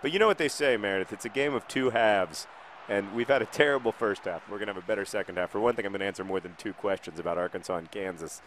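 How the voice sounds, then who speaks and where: A man hosting a casual gaming video, answering viewer questions in a rambling, self-deprecating way while now and then shouting at the match he is playing. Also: lowish voice, fast talker, slight background noise. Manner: rambling, self-deprecating, dry jokes, sudden shouts at the game.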